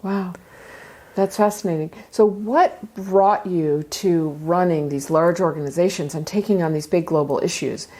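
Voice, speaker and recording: A woman's voice: lowish voice, moderate pace, a little mellow. A woman hosting an interview with enthusiastic, effusive reactions. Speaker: interview host. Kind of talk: casual interview.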